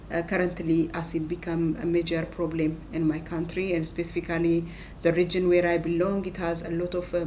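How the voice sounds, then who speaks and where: A middle-aged woman with an Ethiopian accent speaks about her research in a talking-head interview. Her voice sits low for a woman, and she talks in short, halting phrases. A faint rumble hums behind her. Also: a little mellow. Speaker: plant scientist and professor.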